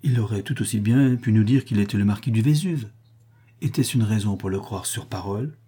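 A man's voice: lowish voice, brisk, dark tone, husky. A man voicing a shrewd, coolly logical male detective in an audiobook, reasoning aloud in a lofty, didactic way. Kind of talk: audiobook reading of a detective novel.

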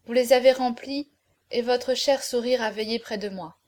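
Lady reading as a noble doomed hero guy, grave and solemn, slowish and low-key, audiobook. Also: darkish tone, close to an everyday voice. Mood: tender. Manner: solemn, measured farewell speeches. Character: noble condemned male hero, grave and tender.

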